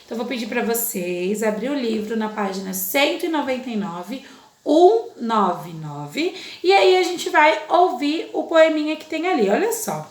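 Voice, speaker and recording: Brazilian teacher lady, sing-song and patient with the kids, high voice, kinda echoey room. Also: lively intonation, a little fast, hardly any pauses. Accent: Brazilian Portuguese. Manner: patient, sing-song teacher talk, stretches syllables to demonstrate. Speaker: primary school teacher. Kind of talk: recorded online lesson for children.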